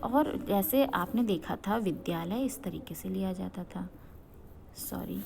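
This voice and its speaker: A woman's voice: mid-range voice, a little slow, vocal fry, background noise. Patient woman teacher explaining grammar. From Uttarakhand, India. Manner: explanatory, poses questions and answers them, checks in with "okay". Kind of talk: grammar lesson.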